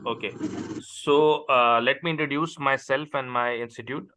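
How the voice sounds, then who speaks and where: Over a noisy video call, this accounting tutor from Pakistan, whose native language is Urdu, interviews a student with patience, slowly going over questions again. He speaks in a steady, mid-range voice.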